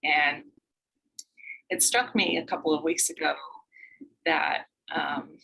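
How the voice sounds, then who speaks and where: A woman's voice: low-pitched, fairly even intonation, takes it slowly, gravelly, slight background noise, poor audio. A woman leading an online group meditation session over a video call, talking informally and meanderingly with many fillers before guiding the practice. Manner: rambling and warm in greeting, with many fillers. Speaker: meditation guide. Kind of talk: informal spiritual talk before a guided meditation.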